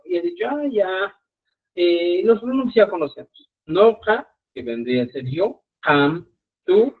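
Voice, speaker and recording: Man teaching a live online lesson over tinny audio. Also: sits high. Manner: explains patiently with many check-ins like "¿ya?". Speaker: language teacher.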